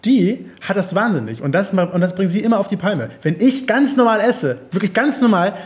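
A man's voice: high-pitched, lively intonation, fairly quick. A man co-hosting a casual chat podcast from home, rambling, repeating himself and laughing often. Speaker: podcast co-host. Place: at home abroad.

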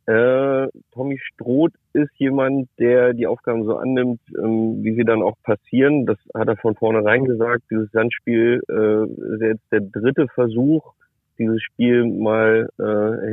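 A man speaking over the phone from his car, a reporter giving a relaxed, matter-of-fact take in casual chat. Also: mid-range voice, dry recording. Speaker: reporter and club expert. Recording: tinny dry phone line.

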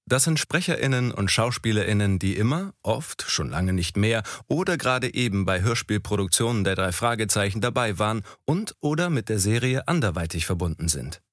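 A man's voice: fairly low pitch, lively intonation, brisk, hardly any pauses, a bit bright, no echo, clean studio sound. A man reading a scripted promo introduction as announcer.

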